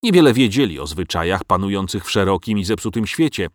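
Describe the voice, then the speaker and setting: Give me an expressive male storybook narrator, animated pitch, dry studio sound. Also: fast talker, dry recording. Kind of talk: audiobook narration.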